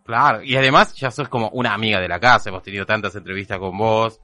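Man, co-host, argentine accent, sharp bright voice, quick questions. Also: on the low side, no echo, faint music behind. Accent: Rioplatense Spanish. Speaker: radio co-host.

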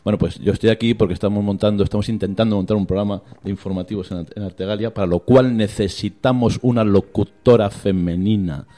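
A man's voice: lowish voice, fairly even intonation, fast talker, few pauses, dark tone. A middle-aged man, a radio guest teasing and telling gossip with many restarts. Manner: chatty, teasing, hesitant restarts. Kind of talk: joking radio chat.

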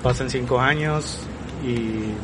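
A man's voice: mid-range voice, unhurried. Meandering Mexican man over city noise. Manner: informal, meandering explanation with tag questions. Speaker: podcast panelist. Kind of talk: casual film synopsis in conversation. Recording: noisy outdoor city ambience.

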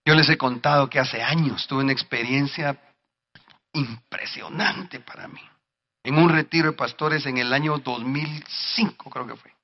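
A male pastor preaching a sermon, speaking directly to the congregation and rising to shouts at his peaks. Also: mid-range voice, normal speed, highs cut off.

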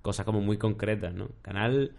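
A man's voice: fairly low pitch, normal speed, vocal fry. A middle-aged man, chatting casually as a podcast host and telling rambling stories. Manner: rambling, storytelling with shouted impressions. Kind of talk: casual chat.

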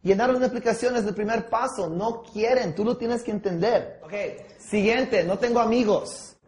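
High-pitched guy coaching a sales team, keeps asking if u follow, echoey room. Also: moderate pace, a little mellow. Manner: mixes in English words, keeps checking in with listeners. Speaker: sales trainer. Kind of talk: training talk with role-play.

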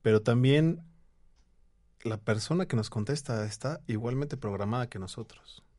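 A Mexican man hosting a casual interview, asking earnest, measured questions. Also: medium pitch, mellow. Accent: Mexican Spanish. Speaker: host.

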